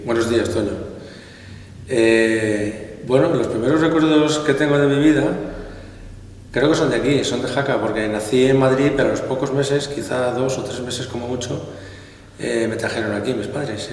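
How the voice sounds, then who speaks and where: Middle-aged spanish colonel recalling stuff, halting and restarting, far off the mic in a big echoey hall. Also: male voice, mid-range voice, steady tone, a little mellow, a little hiss or hum. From Spain. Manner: hesitant, restarts often, reminiscing. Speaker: interview guest, army colonel. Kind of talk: conversational interview answers.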